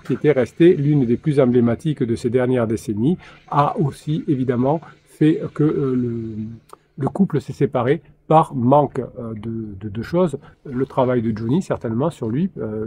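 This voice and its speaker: A man's voice: mid-range voice, mellow, slight background noise. A man giving a solo coaching talk on relationships, speaking hesitantly with frequent fillers and restarts.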